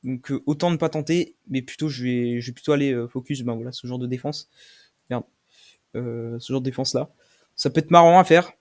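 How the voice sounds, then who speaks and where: A young man commentating his own game play, swearing often and shouting when he loses. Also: mid-range voice, fairly quick. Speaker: gaming streamer.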